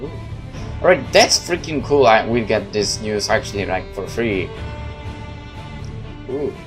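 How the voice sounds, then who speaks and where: A woman with a low-pitched voice hosts a game playthrough. She reads narration aloud and drops in casual remarks, with music playing behind her. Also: lively intonation, unhurried. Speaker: gamer reading a visual novel aloud.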